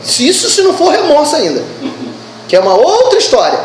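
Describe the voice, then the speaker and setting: A woman preaching a sermon at a church service, animated and asking the congregation questions. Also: sits high, brisk, echoey room, over music, low-quality recording.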